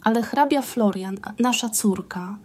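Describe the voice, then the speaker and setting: A woman reading the lines of a cautious, anxious nobleman in his later years who is in failing health, in a measured, hesitant way. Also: fairly high pitch, darkish tone. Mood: weary. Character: anxious ailing elderly nobleman count.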